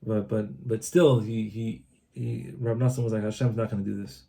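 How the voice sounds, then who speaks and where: Male reader: deep, mellow and fried tone, informal retelling of a religious text, halting with frequent restarts. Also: steady tone, vocal fry. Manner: translates as he reads, halting with restarts. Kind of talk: loose spoken retelling of a book. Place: Old City of Tzfat, Israel.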